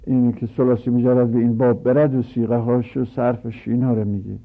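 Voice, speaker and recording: A man teaching Arabic grammar, reciting verb conjugations in long rapid lists. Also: mid-range voice, level tone. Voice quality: gravelly, husky. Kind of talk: conjugation drill lesson. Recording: tinny phone-like lo-fi audio.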